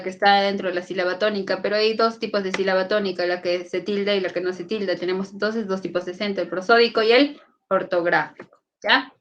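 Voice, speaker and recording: A woman's voice: medium pitch, a bit bright, muffled recording. A woman teacher, giving a classroom lesson and often asking her students whether they follow. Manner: asks frequent checking questions.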